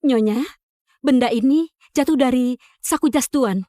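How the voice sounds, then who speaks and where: A woman voicing a household maid who speaks politely and excitedly in a dubbed drama. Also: sits high, unhurried, no room sound, clean studio sound. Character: chirpy, deferential household maid.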